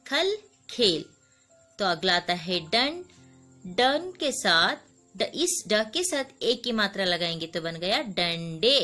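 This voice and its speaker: A woman teacher speaks slowly and patiently, sounding out each word for young pupils and repeating it. Her voice is bright and forward. Soft music plays quietly underneath. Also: medium pitch. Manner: mixes in English glosses. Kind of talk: slow classroom lesson for children.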